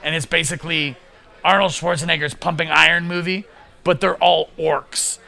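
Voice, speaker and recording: A man guesting on a podcast, talking in an excited rush with plenty of swearing and quick restarts. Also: on the high side, creaky. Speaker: podcast guest, comic book creator. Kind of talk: casual podcast chat.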